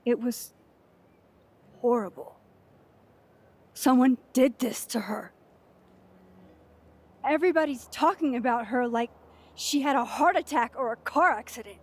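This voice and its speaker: A woman's voice: fairly high pitch, measured pace, long pauses. An actress voicing a sarcastic, guarded young woman in a video game, with dry asides that sometimes drop to a whisper. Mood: grieving. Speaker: game protagonist, photography teacher.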